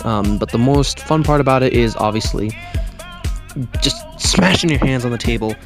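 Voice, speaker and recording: A man records a casual video game review huddled under blankets, with music clearly playing behind him. He rambles in a self-deprecating way and keeps correcting himself, sounding cramped in his makeshift spot. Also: medium pitch, lively intonation, normal speed.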